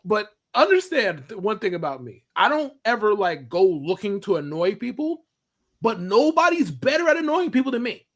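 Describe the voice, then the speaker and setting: A man's voice: sits high, very animated, normal speed, a bit bright. A man co-hosting a sports podcast, joking and boasting as he tells stories. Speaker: podcast co-host. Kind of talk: casual sports chat.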